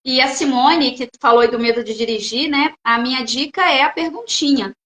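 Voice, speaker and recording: A woman on a live stream who chats casually and gives calm advice to viewers. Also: high-pitched, normal speed, echoey room.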